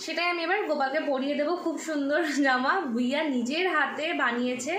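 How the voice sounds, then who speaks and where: A young vlogger from West Bengal, India, chats casually with viewers while showing her home and daily routine. Her voice is high-pitched, a bit bright, fast, and fairly even in intonation, with slight background noise.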